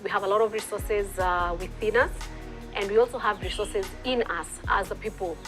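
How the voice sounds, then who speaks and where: A woman's voice: medium pitch, over music, rough recording. A Kenyan woman with a Kenyan accent, an entrepreneur answering interview questions in an earnest, reflective way. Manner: earnest, reflective, pauses with fillers.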